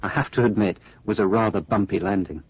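A husky, wry small-plane passenger. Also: male voice, fairly low pitch, fairly quick. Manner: relaxed, wry anecdote telling. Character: adult man recalling a flight in a small plane. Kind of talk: scripted listening exercise monologue. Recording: dry muffled studio recording.

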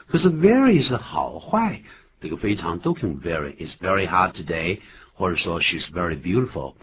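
A man hosting an English lesson, explaining words and pronunciation with lively emphasis. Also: normal speed. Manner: animated explaining, jumps high in pitch for emphasis. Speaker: English teacher host. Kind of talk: bilingual radio English lesson. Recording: dull lo-fi recording with faint hiss.

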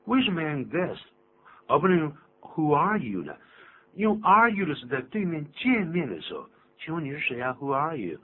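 An older man hosting a radio English lesson, explaining phrases in an animated, teacherly way. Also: on the high side, normal speed, breathy edge. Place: radio studio. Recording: tinny lo-fi radio broadcast with faint hum.

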